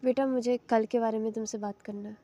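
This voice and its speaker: A woman voicing a caring middle-aged mother who gently lectures her grown daughter in a soft, motherly way. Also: fairly high pitch, fairly even intonation, brisk, dull audio, natural voice. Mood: scolding.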